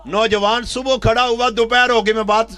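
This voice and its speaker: A male preacher, telling a story in an impassioned sermon that swings from soft storytelling to shouted exhortation. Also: very high voice, little pitch movement, clean tone. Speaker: religious preacher. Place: outdoor religious gathering with a crowd.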